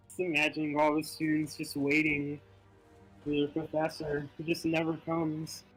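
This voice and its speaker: A man's voice: a little high, completely flat delivery, unhurried, long pauses, soft background music, poor audio. A young man with allergies chatting casually on a gaming stream, rambling and laughing often. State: stuffy from allergies. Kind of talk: casual chat while gaming.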